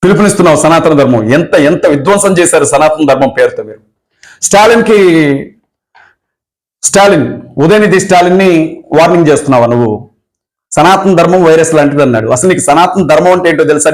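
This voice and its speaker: A man's voice: on the high side, quick pace, low-quality recording. A man giving a fiery, confrontational political speech, firing off accusing rhetorical questions. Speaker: activist leader.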